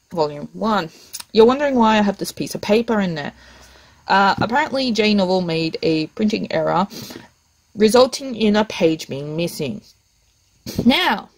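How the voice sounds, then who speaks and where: A young woman, chatting casually and excitedly, ranting a little and swearing now and then. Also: medium pitch, low-quality recording. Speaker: vlogger. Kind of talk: casual chat.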